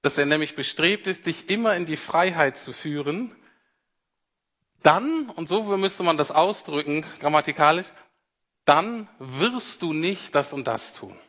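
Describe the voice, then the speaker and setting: A man's voice: a little high, animated, unhurried, fairly bright tone. A man preaching a sermon, earnest and explanatory, addressing listeners directly as "you". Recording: long hall reverb.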